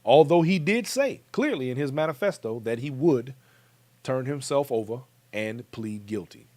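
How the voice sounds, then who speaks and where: An American man delivers commentary with an emphatic, direct manner, often addressing his viewers. His pitch swings widely as he speaks. The sound is dry and close, with no room around it. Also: expressive, normal speed, darkish tone, no room sound. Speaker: commentary show host. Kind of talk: talk-show commentary.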